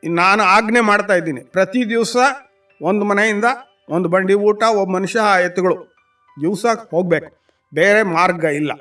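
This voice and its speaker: A man's voice: sits high, moderate pace, bright, forceful tone, distant mic, soft background music. A man voicing a stern king who issues a firm royal decree in a children's radio story. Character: stern middle-aged king issuing a decree.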